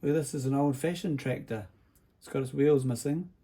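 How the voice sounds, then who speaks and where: Creaky-voiced man hosting for children. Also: mid-range voice, normal speed, dark tone. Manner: simple, explanatory, addresses children with tag questions. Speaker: children's show host, builder. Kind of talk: presenting a workshop vlog to children. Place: workshop.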